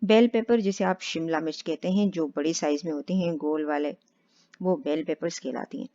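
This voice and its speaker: A woman teaching spoken English step by step, patient and slow on the English examples. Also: low voice, warm tone. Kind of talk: explaining spoken English lesson. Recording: dull lo-fi sound.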